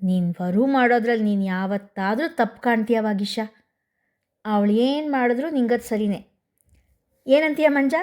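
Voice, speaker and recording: A woman's voice: a little high, moderate pace, pauses often, a little mellow, close to an everyday voice. Woman voicing a jovial teasing middle-aged man. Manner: teasing, laughing.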